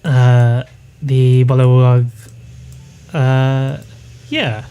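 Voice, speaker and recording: A man's voice: medium pitch, level tone, very slow, mellow, smooth, highs cut off, faint music behind. A man running a tabletop game over an online call, hesitant and full of fillers. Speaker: game master.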